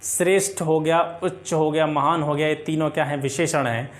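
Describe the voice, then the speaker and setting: A man with a somewhat high, fairly even voice teaches an exam-prep grammar lesson. He explains by reeling off lists of example words, asks questions and answers them himself, and often checks in with a quick "theek hai."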